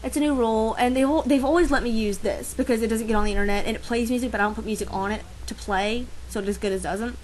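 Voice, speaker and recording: A teenage girl vlogging into her camera with a fairly high voice. She rambles and rants with a sarcastic edge, breaking off and restarting her thoughts as she goes. Her talk stays casual and loose. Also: steady tone, fast, few pauses, darkish tone, slight background noise, low-quality recording. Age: teens. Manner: sarcastic, rambling, self-interrupting. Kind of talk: casual ranting vlog.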